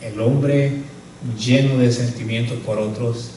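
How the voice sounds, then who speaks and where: A man's voice: medium pitch, steady tone, slow pace, warm tone, slight background noise. A male pastor preaching a sermon with emphasis, often calling out to the congregation as brothers. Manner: emphatic, often calls out "hermano". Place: church. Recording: echoey church hall, mic at a distance.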